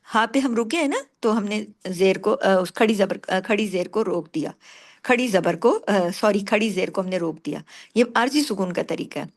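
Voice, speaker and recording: A woman teaching Quran recitation rules, explaining patiently, asking and answering her own questions, and slowing down to recite words. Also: mid-range voice. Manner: slows down sharply to recite words. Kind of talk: tajweed lesson, explaining and reciting.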